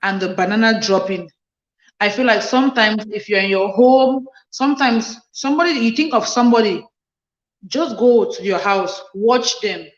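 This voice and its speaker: A woman's voice: medium pitch, reverberant, lo-fi sound. A woman hosting a casual livestream chat, reading viewer comments aloud and answering them earnestly, often repeating phrases for emphasis. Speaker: livestream host.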